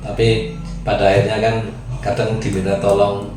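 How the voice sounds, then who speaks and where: A man's voice: fairly low pitch, normal speed, music in the background. Man telling a long story in an echoey room. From Central Java. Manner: animated storyteller, voices the people in his tale. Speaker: guest storyteller. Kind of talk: casual storytelling chat.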